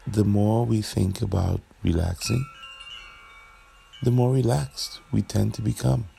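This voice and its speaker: A man leads a guided meditation in a very low, heavily creaky voice, speaking very slowly and gently in short phrases separated by long pauses. His tone stays steady and soothing, with ambient chimes and background noise underneath.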